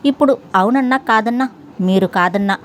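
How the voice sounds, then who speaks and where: An irritable middle-aged housewife nags her husband insistently, as a female storyteller puts her on. The voice sits a little high over a faint hiss. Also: fairly quick, close to an everyday voice. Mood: irritated. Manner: insistent, nagging.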